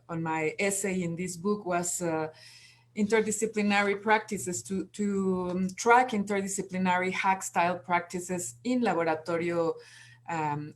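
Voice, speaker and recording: Slow, hesitant woman from Mexico. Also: on the low side, slight background noise. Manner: hesitant, many fillers and restarts. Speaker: panel speaker. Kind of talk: online panel talk.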